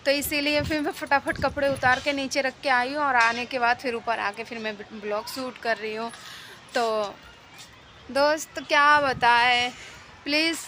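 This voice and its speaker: A woman's voice: high-pitched, steady tone, measured pace. A young woman chatting casually to her viewers from a rooftop, rambling and repeating herself, sounding cold and unwell. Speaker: vlogger. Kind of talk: casual vlog chat to viewers. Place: rooftop outdoors in rain and wind. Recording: loud rain, wind and traffic noise outdoors.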